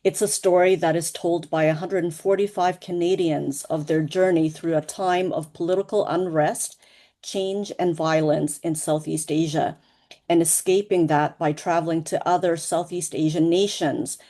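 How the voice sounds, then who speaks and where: A co-author from Laos speaks at a virtual book launch via video call, measured and earnest throughout. She has a low, dark voice with a steady tone.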